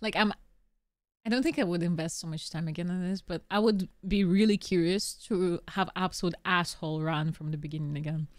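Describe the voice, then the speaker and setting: A woman's voice: fairly low pitch, fairly quick. A woman giving casual, sarcastic and profane gameplay commentary. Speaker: gameplay streamer. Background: video game music.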